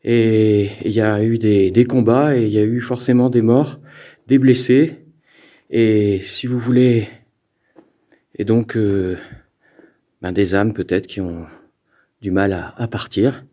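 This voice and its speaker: A man alone in an abandoned mountain fort, investigating the paranormal and calling out to spirits, often stammering with excitement. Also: lowish voice, slow pace, pauses often. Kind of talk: ghost-hunting vlog narration.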